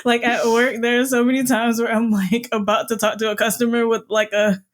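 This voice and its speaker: A woman's voice: a little high, flat delivery, fairly quick. A young woman co-hosting a podcast, chatting casually with a giggly, rambling manner and plenty of fillers. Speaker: podcast co-host. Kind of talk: casual chat.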